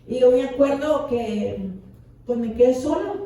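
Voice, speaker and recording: A high-pitched woman pastor preaches a testimony sermon with passion, repeating her words again and again for weight. Her voice rings through a large echoing church and is heard from a distance, far from the microphone. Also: a little slow, warm tone. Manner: impassioned, repeats words for emphasis. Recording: echoey hall from far off.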